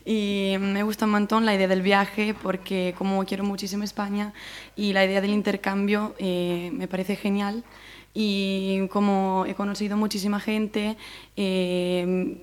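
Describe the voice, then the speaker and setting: A teenage girl from Italy, a native Italian speaker, soft-spoken and giggly. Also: mid-range voice, level tone, a little slow. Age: teens.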